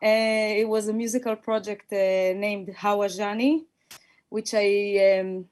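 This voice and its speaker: An Israeli woman with a native Hebrew background and an Israeli accent introduces herself conversationally as a guest musician, thoughtful and hesitant with many fillers. Her mid-range, slightly mellow voice is a little slow with fairly even intonation.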